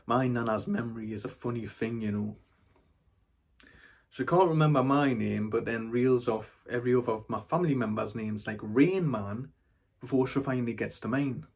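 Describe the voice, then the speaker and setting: A man delivering a theatrical monologue at a middling pitch. His storytelling is wry and dry, and he lets the comic details land deadpan. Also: moderate pace, gravelly. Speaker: actor.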